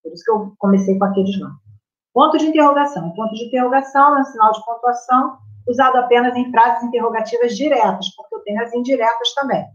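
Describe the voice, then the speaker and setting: In a quick, slightly high voice, a teacher with a Brazilian Portuguese accent runs a live online grammar lesson. She keeps things chatty, constantly tossing out "right?" to check in with her students. Her audio sounds roomy and a bit dull.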